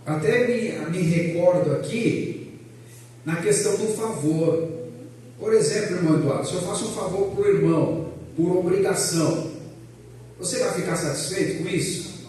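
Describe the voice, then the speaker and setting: A man, a pastor teaching a Bible class in a loud, animated way, joking with the class and putting questions to them. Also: high-pitched, normal speed, slight background noise. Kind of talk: lively church class lecture. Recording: echoey room, voice from a distance.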